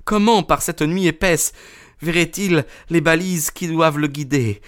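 A man voicing a distraught young wife in an audiobook, pushing his voice high and strained as she pleads and grows bitter. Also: a little slow, fairly bright tone. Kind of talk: audiobook character reading.

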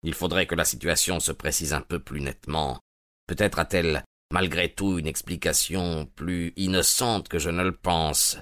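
A man reading an audiobook, voicing a brilliant detective who talks in a measured way. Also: sits low, steady tone, fairly bright tone, no echo, clean studio sound. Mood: calm.

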